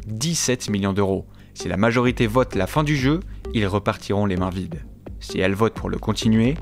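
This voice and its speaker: A man tells a story in a fireside storytelling style, scripted but conversational, with casual, playful asides to the listener. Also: medium pitch. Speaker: narrator retelling a series' plot. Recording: music under the voice. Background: background music.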